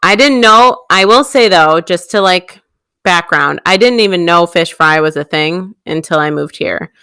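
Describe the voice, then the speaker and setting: Woman co-host, 30s, bright clear tone, dry close mic, chatty. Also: fairly low pitch, measured pace, dry recording. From Illinois. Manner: chatty, laughs easily. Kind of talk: casual chat.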